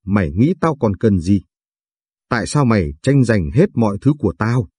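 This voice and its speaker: A man's voice: on the low side, sing-song, moderate pace, a little mellow, husky, no room sound, clean studio sound. A man voicing a cruel, bitter kidnapper woman. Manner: harsh, contemptuous, threatening.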